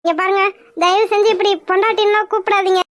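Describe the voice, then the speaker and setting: A woman's voice: extremely high pitch, level tone, quick pace, a bit bright, dry recording, studio quality. A woman voicing a stubborn young woman in a cartoon, scolding and insistent as she pushes away her suitor. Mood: angry. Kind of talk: cartoon voice acting.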